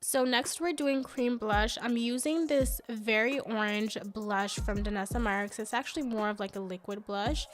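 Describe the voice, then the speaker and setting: A woman's voice: fairly high pitch, fairly even intonation, normal speed, hardly any pauses. A young woman with a stuffy, congested nose narrating a makeup tutorial in a chatty, upbeat way. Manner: chatty, upbeat, many fillers. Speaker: beauty vlogger. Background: faint background music.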